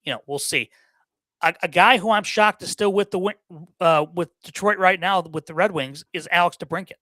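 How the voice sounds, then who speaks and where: A man's voice: high-pitched, fairly quick, sharp tone, dry recording. A man guesting on a sports podcast, giving opinions in casual chat, often repeating words and using fillers.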